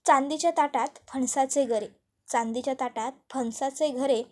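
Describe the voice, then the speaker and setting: A woman voicing a young bride who answers softly but steadily. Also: high voice, normal speed, natural voice. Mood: resolute. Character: young bride, quietly resolute.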